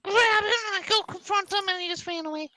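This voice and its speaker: A woman's voice: very high-pitched, quick pace, sharp tone. A woman playing a tabletop game in character, bubbly and rambling. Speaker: player.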